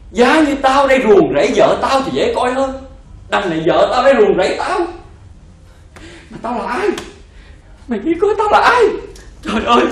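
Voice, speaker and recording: A man's voice: extremely high pitch, fairly bright tone, full character voice. An actor playing a vain, stingy male philosopher master in a comic stage play, blustering and stammering when flustered. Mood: despairing. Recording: echoey stage recorded from far off.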